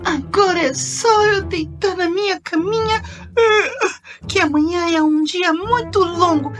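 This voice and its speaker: A woman's voice: very high voice, a little slow, music in the background. A woman voicing a vain, secretly insecure schoolgirl big sister in a children's game story, whiny and melodramatic. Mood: self-satisfied.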